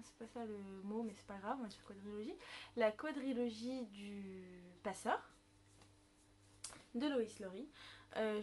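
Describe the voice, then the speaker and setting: Woman chatting about books, highish voice, lots of ums and restarts, faint hum behind. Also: darkish tone. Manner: chatty, many fillers and self-corrections. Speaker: book vlogger. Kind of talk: casual book review vlog.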